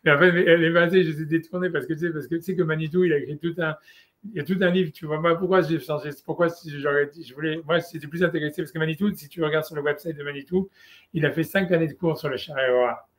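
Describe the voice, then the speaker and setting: Fast-talking middle-aged man, rambling. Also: a little high, fairly even intonation. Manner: rambling, many restarts and fillers. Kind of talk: casual chat.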